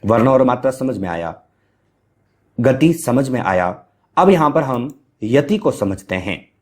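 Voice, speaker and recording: Brief: male teacher, mid-pitched voice, poses questions and answers them himself, explanatory lecture. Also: very animated, a little slow. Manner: explains with rhetorical questions and fillers; chants Sanskrit verse at varying speed. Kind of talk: Hindi grammar lecture.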